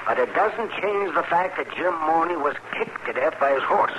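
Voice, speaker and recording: An actor playing a crusty, opinionated frontier doctor who argues with bluster in a 1950s radio western. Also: male voice, a little high, lively intonation, moderate pace, natural voice. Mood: exasperated. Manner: blustery, argumentative. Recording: noisy 1950s radio recording.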